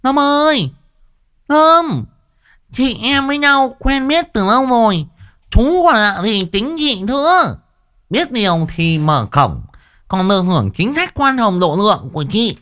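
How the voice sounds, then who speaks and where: A woman's voice: a little high, lively intonation, moderate pace, fairly bright tone. A woman voicing a burly, bullying woman neighbor who bellows her threats and garbles her words with a heavy lisp. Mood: threatening. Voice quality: mispronouncing, lisping speech.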